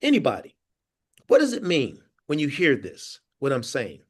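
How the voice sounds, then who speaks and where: Animated man leading an online training. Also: mid-range voice, normal speed, breathy edge. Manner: animated storytelling with laughs and audience questions. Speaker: workforce trainer. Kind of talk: interactive online training talk. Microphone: video call.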